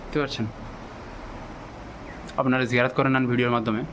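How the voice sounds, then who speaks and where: A man giving a walking-tour vlog narration, speaking in a deliberately hushed, reverent way. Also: mid-range voice, little pitch movement. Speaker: vlog host and guide. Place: outdoors in a cemetery. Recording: clearly noisy on-location ambient sound.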